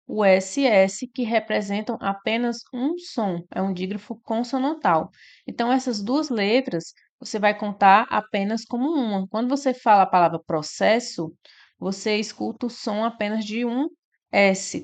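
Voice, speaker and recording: A woman's voice: medium pitch, normal speed. A woman, teaching an exam-prep lesson and walking through each answer step by step with frequent tag questions.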